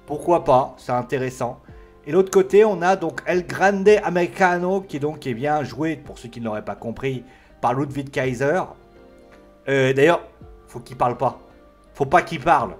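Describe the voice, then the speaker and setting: French guy reviewing wrestling, somewhat high voice, lively rambling delivery, faint music underneath. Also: moderate pace. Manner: animated, rambling with frequent fillers and restarts. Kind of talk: casual solo commentary.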